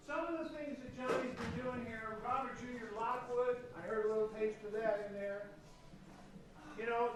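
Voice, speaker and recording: Brief: middle-aged Californian man, animated storyteller, high voice, roomy far-off sound. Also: slight background noise. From West Sacramento, California. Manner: lively storytelling, emphatic. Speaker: musician presenting to students. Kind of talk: spoken school presentation. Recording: echoey room from far off.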